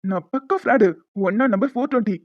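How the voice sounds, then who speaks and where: A woman's voice: on the high side, fast, dry recording, natural voice. A woman voicing a smug, scheming young man who taunts and teases in a cartoon. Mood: taunting. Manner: taunting, teasing. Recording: dull lo-fi with music behind.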